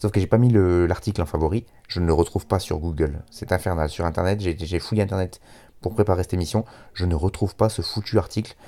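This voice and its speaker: A man's voice: low-pitched, quick pace, dark tone. A man with a French accent casually presenting a radio music show on his own, hesitant and self-deprecating as he goes.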